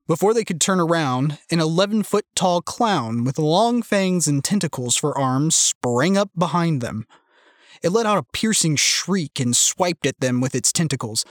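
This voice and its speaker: A man reading a first-person novel aloud in a measured, even storytelling manner. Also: fairly high pitch, no room sound, clean studio sound. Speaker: audiobook narrator. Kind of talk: scripted first-person narration.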